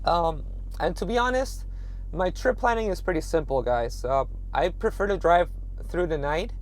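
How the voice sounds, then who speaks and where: A man with a hoarse, raspy, nearly lost voice, talking casually to viewers as a trucker vlogger. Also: fairly high pitch, expressive, moderate pace. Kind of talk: casual vlog talk to viewers. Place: truck stop rest area, then inside truck cab.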